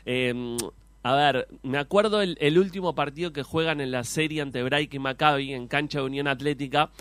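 A man's voice: mid-range voice, normal speed, a bit bright, smooth. A man with a Uruguayan accent hosting a conversational sports interview, asking informal, winding questions. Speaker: sports show host, interviewer.

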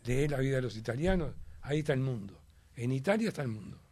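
A man's voice: medium pitch, lively intonation, quick pace, dark tone, no echo. A man with a Uruguayan Spanish accent, chatting as a guest in an emphatic, rambling way with many fillers. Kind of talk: casual chat.

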